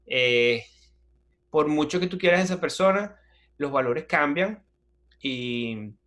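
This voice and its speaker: This comedian guest is a man from Venezuela whose accent shows it, and his voice is fairly high and a bit bright, with lively intonation and a slow pace. Chatting casually in an interview, he tells animated stories full of slang and keeps starting over.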